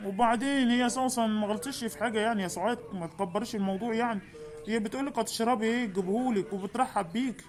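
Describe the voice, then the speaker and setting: A woman's voice: a little high, very fast, a little mellow, faint music behind, voice pushed down, natural voice. A woman voicing a grown husband who keeps the peace, soothing and reasoning with an Egyptian accent. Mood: placating. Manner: soothing, reasoning, calls people darling. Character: husband Hussein, grown man, placating peacemaker.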